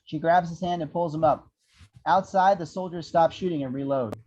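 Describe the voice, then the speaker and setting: Reading the action descriptions of a screenplay, a higher-pitched male narrator gives an animated table-read performance, slipping in wry, irreverent remarks. He goes at a moderate pace with a slightly mellow tone, and the sound is dull and lo-fi.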